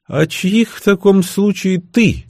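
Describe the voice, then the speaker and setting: A man's voice: sits high, animated, slow pace, vocal fry, a little mellow, no room sound, studio quality, voice pushed up, heavily acted. An audiobook narrator voicing a nervous, sarcastic young male agent in an edgy, raised voice. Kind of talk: audiobook character reading.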